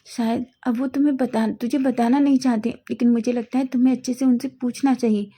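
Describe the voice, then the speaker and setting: A high-pitched, eager young college guy, as a woman puts him on for a read-aloud fan story, firing anxious questions one after another. The tone is mellow and soft. It is clearly a voice done by the reader herself. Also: fairly even intonation. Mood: surprised. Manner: rapid worried questions. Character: excitable young male college friend.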